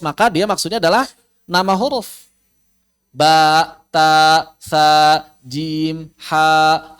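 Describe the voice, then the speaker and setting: A man teaching an online tajwid class, explaining with repeated questions and drawn-out recited letters. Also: sits high, a bit bright. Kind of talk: online recorded class lesson.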